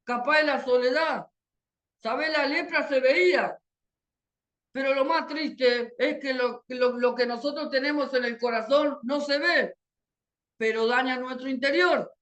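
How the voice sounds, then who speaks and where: A woman with an Argentine accent delivers a sermon over a video call. Her voice sits high, and her tone is earnest and pleading. She keeps returning to a little filler that pulls her listeners closer. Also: a bit bright. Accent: Argentine Spanish. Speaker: preacher.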